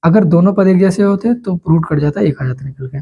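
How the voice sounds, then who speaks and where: A man's voice: high voice, brisk, husky, dull audio. A man teaching a school maths lesson step by step, patiently repeating the key steps.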